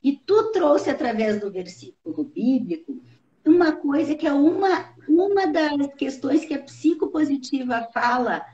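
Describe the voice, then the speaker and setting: A woman hosting a casual live-stream conversation, lively and swooping in pitch as she explains. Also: measured pace. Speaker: live show host. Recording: roomy, slightly dull live-stream audio.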